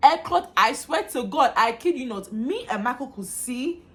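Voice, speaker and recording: A woman's voice: high voice, moderate pace. A young woman vlogger telling a story about her own life, acting out the voices of the people in it. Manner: animated, acts out quoted lines. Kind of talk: storytime vlog.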